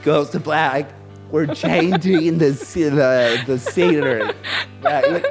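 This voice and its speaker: A man co-hosting a comedy podcast in casual chat. He rambles excitedly and often restarts his sentences. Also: fairly high pitch, takes it slowly, music in the background.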